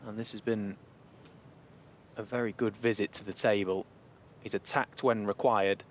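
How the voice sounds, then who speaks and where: Hushed male snooker commentator, faint noise. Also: fairly even intonation, normal speed. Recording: faint background noise and rumble.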